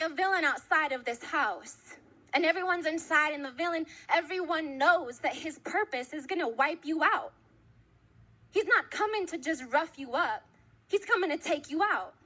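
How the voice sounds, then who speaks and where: Bright high-voiced woman preaching. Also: low-quality recording. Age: young adult. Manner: conversational, builds to impassioned repeated phrases. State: out of breath. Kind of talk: sermon. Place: church.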